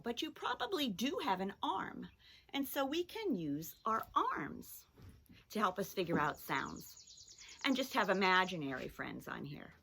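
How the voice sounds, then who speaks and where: Woman teacher, children's phonics lesson; unhurried, clear and sing-song, a sharp bright tone. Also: fairly low pitch, a little hiss or hum.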